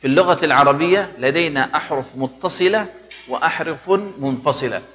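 A male teacher leads a patient classroom lesson with a clear, bright tone. He walks through each rule methodically, pausing to ask questions. The recording carries a lingering reverb. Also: on the high side, slight background noise. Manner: explains step by step, asks the class questions and answers them. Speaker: Arabic teacher.

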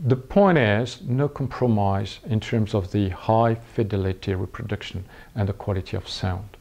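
In a small curtained showroom, a mellow French executive in his fifties explains his company's products during an interview. He speaks with a lowish voice, pausing and groping for the right words as he goes.

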